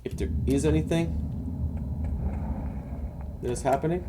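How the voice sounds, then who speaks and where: A man casually narrating a game walkthrough, explaining each step to viewers in a relaxed, instructive way. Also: a little high, measured pace, noisy background. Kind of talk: casual gameplay tutorial narration.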